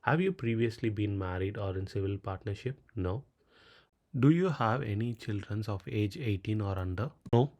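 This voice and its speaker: A native Tamil speaker with a Tamil Indian accent presents a step-by-step screen tutorial as a voice-over on a screen recording. His fairly low, slightly mellow voice moves at a moderate pace, and he reads out questions and answers them in a clipped manner.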